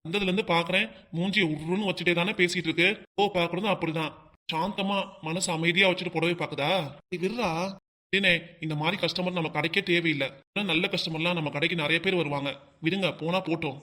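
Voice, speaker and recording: Fast-talking man with a Tirunelveli accent. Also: sits high, steady tone, bright, forceful tone. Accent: Tirunelveli Tamil. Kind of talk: cartoon comedy voicing shop staff.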